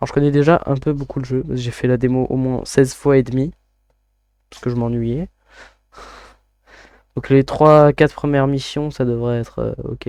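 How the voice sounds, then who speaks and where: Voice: medium pitch, darkish tone, clean tone, no echo. A video game streamer chatting casually to viewers while setting up a game, muttering to themself and swearing now and then. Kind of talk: casual live-stream commentary.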